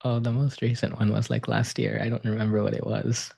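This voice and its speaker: A man with a hoarse voice that is partly gone, speaking quietly and haltingly on a video call. He sits close to his computer mic. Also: on the low side, flat delivery. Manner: quiet, halting, with filler likes.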